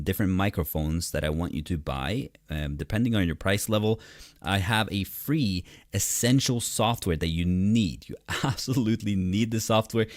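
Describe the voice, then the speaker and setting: A man with a low, bassy voice narrates an online tutorial in a casual, enthusiastic way. He speaks close to a desktop microphone, so the sound is dry with very little room. He likes to repeat words for emphasis. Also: no room sound. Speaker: online course instructor. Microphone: close USB desktop microphone.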